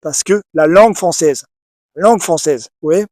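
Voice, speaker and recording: A man's voice: on the high side, moderate pace, darkish tone, no echo, studio quality. A man giving a casual opinion monologue to the camera, emphatic and repetitive, with many restarts and asides to the viewer. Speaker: video essayist.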